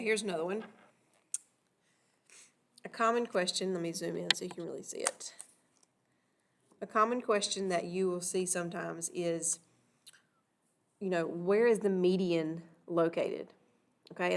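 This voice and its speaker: A woman teaching a recorded math lesson, patiently walking through examples and checking in with "okay?". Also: lowish voice.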